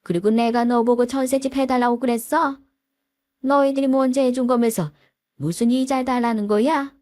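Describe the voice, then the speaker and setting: A woman's voice: on the high side, fairly even intonation, moderate pace, darkish tone, no echo, studio quality, pitched above the performer's own voice, close to an everyday voice. A woman voicing a blustering older father-in-law who stammers through indignant denials.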